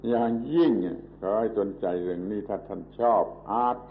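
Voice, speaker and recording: Gravelly old-tape monk, very slow. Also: male voice, on the low side. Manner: slow and deliberate, repeating words for emphasis. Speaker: monk giving a Dhamma talk. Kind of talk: Buddhist sermon. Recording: muffled, phone-like old tape with faint hiss.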